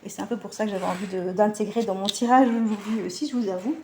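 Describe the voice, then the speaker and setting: A woman's voice: medium pitch, steady tone, quick pace, darkish tone, echoey room, a little hiss or hum. A woman giving a casual card-reading guidance, chatty and hesitant with many fillers and self-corrections. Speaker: animal communication card reader.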